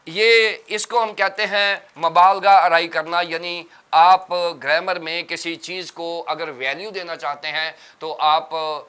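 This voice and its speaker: A man's voice: fairly high pitch, fairly even intonation, few pauses, pushed and bright, clean tone. A man, a pastor on a religious TV panel, explains terms step by step in a teacherly way.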